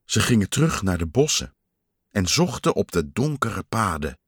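A man reading a children's story aloud in a slow, expressive storytelling manner. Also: fairly low pitch, breathy edge, no echo, clean studio sound.

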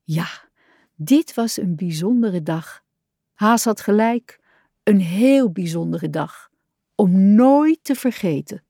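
Eager storybook frog boy, quick to sulk, played by a woman reading aloud. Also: a little high, no room sound, studio quality. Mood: happy. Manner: wondering, expressive storybook voice. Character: cheerful young male frog, eager and easily upset.

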